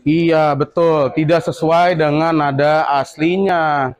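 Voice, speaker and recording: A male school teacher in a classroom, quizzing his students with quick questions and then explaining the answers. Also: on the high side, fairly even intonation.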